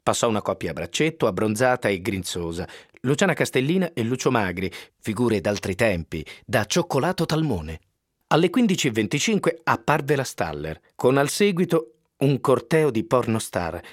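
A man reading a book aloud on the radio in an expressive, wry storytelling manner, close to a studio microphone. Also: mid-range voice, moderate pace, no room sound. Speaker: radio reader.

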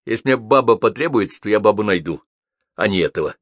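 A man voicing a gruff, hot-tempered middle-aged man who talks bluntly and coarsely and flares into loud outbursts. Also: fairly low pitch, expressive, fast, dry recording. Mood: scornful.

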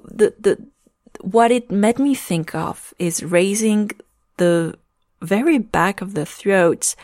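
A woman reading podfic, talking casually and hesitantly, thinking aloud with many pauses. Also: on the low side, gravelly, no echo, clean studio sound. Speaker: podfic reader. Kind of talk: casual spoken commentary.

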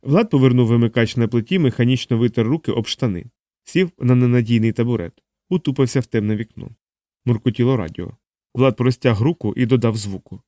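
Male audiobook narrator, steady and even, mid-pitched voice, dry close studio mic. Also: fairly quick, no room sound. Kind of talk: scripted narration.

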